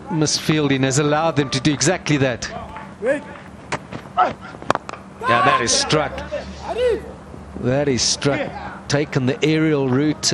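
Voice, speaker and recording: A man giving live play-by-play cricket commentary. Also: medium pitch. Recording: loud outdoor and vehicle noise.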